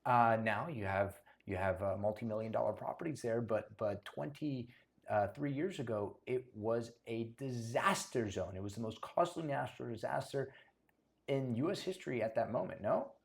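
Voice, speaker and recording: A man's voice: medium pitch, normal speed, gravelly. A man hosting a real estate talk show, chatty and joking, often stumbling over his words. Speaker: talk show host, realtor. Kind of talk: casual talk show chat.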